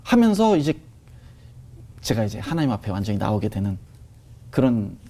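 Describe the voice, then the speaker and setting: Animated man telling his conversion story. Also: fairly low pitch, moderate pace. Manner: emotional, vivid retelling with many fillers. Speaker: guest sharing a testimony.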